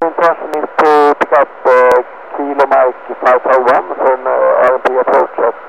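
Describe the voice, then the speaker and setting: A man's voice: mid-range voice, level tone, moderate pace. A man, a pilot, making hesitant requests over the radio. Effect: radio transmission. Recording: dull radio with clear static.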